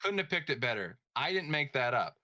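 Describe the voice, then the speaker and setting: A man's voice: medium pitch, very animated, a little fast, bright, forceful tone, no echo. A man co-hosting a podcast in a rambling, playful casual chat, full of filler words. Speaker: podcast co-host.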